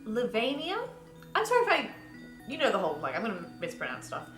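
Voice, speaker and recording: A cheeky woman in her twenties jokes about herself while chatting at home. Her voice sits slightly high. The room is echoey and music plays underneath. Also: wildly swooping pitch, fast talker, fairly bright tone. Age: 20s. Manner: cheeky, self-mocking. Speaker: co-host. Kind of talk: casual chat. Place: home, in a pillow fort indoors.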